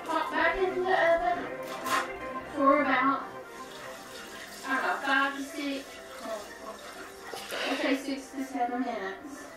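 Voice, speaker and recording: A woman's voice: sits high, slow pace, pauses often. A woman casually demonstrating cooking as a home cook, recorded in an echoey kitchen at a distance from the mic, with music behind.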